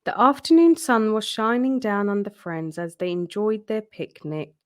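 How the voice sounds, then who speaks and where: In a storytelling style that's both deliberate and expressive, a woman with a mid-range voice reads a children's book aloud.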